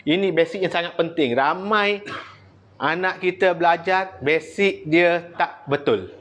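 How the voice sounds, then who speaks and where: Malaysian Malay man, kids' abacus teacher, playful, teasing, slightly high voice, swings from loud drill calls to low asides. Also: measured pace. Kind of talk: classroom lesson to children.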